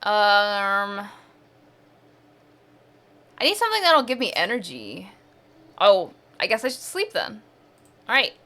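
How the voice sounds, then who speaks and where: A woman's voice: mid-range voice, big pitch swings, slow, long pauses, pushed and bright. A woman streamer chatting casually over gameplay, thinking aloud and asking herself questions.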